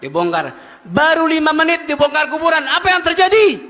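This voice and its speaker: A man preaching a Friday sermon, telling stories with animated, emphatic rises. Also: very high-pitched, brisk. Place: mosque. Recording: echoey hall.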